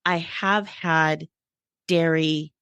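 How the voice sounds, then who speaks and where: A woman with a notably low voice, hosting a relaxed interview and chatting freely, with frequent laughs and emphatic opinions. The recording is dry and close. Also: drawn-out words, clean tone, no echo. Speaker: podcast host. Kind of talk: casual interview conversation.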